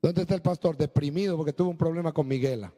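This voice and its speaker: High-voiced preaching pastor in echoing hall. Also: male voice, mellow. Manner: preaching with sudden swings from low and slow to high and emphatic. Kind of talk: sermon.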